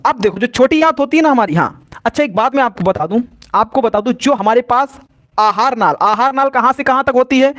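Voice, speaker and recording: High-voiced male teacher, repetitive. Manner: repetitive call-and-response teaching, answering his own questions. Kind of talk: live online science lesson.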